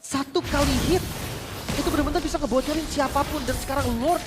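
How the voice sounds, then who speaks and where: Casting: high-pitched Indonesian male game commentator, excitable and colloquial, live match feel with loud music underneath. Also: fast talker. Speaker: esports shoutcaster.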